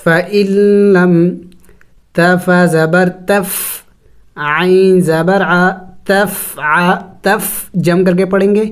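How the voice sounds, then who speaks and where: Teaching Quran tajweed step by step, this teacher with a medium-pitched voice slowly spells out syllables during a recitation lesson. Each rule then gets a brisk explanation.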